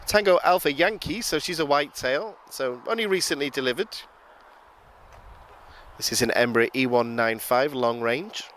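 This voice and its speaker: A man with a hoarse, gravelly voice giving chatty live commentary on planes from outdoors at an airport, often calling his viewers guys. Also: medium pitch, moderate pace, a bit bright, a little hiss or hum.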